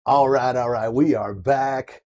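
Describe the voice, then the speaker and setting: A man working as a bingo caller, hosting a live game with playful, excitable showmanship, repeating the numbers and chatting casually with players. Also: mid-range voice, measured pace, dull audio. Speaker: bingo caller and host of a live online bingo night. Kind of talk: bingo caller, calling numbers twice amid casual chat.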